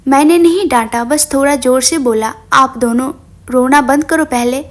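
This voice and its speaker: A woman reading the lines of a stern but caring young father in a story, speaking in a firm, measured way. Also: high-pitched, close to an everyday voice. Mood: calming.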